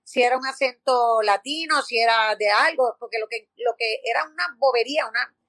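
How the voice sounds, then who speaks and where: A Puerto Rican actress with a Puerto Rican Spanish accent is a guest in a conversational interview, telling animated stories full of fillers and restarts. Her voice is fairly high-pitched and brisk, and the recording is dry.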